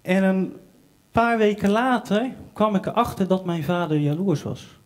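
A man's voice: sits high, measured pace. A young man on a small theater stage at an open mic night, telling a wry, self-mocking anecdote into a stage microphone. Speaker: comedian and singer-songwriter. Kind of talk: live stand-up storytelling.

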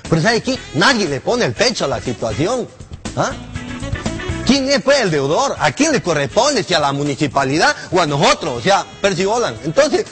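A man's voice: high-pitched, very animated, normal speed, over music. Rambling, cursing man, a comedian in character. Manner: rambling, swears often, laughs at his own jokes. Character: old male delivery-room assistant, crude, rambling, complaining. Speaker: comedian doing a character monologue. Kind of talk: comic character monologue to camera.

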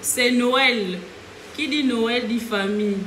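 A young woman opening gifts with friends and reading a friend's note aloud, haltingly. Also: a little high, fairly bright tone, a little hiss or hum. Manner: reads haltingly, moved to tears. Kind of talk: casual chat, reading a card aloud. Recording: echoey room with music behind.

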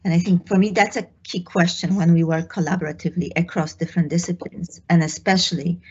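A hoarse woman who is losing her voice, asking a question on a video call in a halting way as she searches for words. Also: fairly low pitch, fairly even intonation, a little hiss or hum. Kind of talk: panel discussion. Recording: muffled video call audio.

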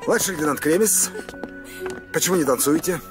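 A man's voice: on the high side, fairly quick, natural voice. An actor in his fifties playing a stern, commanding army captain in a war film. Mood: brisk, commanding. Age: 50s. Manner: commanding, clipped orders. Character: stern Soviet army captain drilling women recruits. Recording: film music under the voice.

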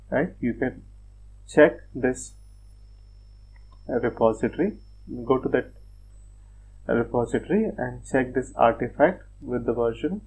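A man presenting a screen-recorded software tutorial, talking step by step in a plain, methodical way with frequent fillers like "uh" and "like". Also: medium pitch, slightly rough, rough recording. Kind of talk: screen-recorded technical walkthrough.

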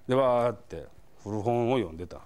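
A comedian from the Kansai region spins funny stories at a moderate pace, his medium-pitched voice clear and resonant. Animated throughout, he acts out the scenes and laughs through punchlines in this storytelling monologue.

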